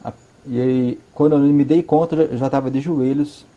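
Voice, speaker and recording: A man with a Brazilian Portuguese accent giving an earnest personal testimony from his living room, halting and repeating words for emphasis. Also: mid-range voice, steady tone, phone-quality sound. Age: adult, father of a five-year-old. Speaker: interview guest.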